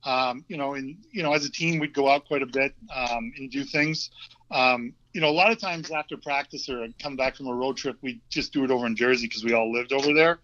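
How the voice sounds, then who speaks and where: A former hockey player in his fifties, speaking with a Vermont accent, chats casually as a podcast guest. His voice sits at a middling pitch and moves fairly quickly, relaxed but hesitant, full of ums and restarts. The audio is dull and somewhat lo-fi.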